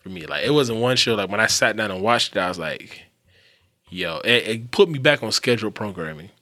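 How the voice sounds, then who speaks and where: Low, bright-toned male co-host; loose, animated TV chat, cursing freely. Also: a little fast. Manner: rambling, animated, swears freely. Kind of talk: casual chat about TV shows.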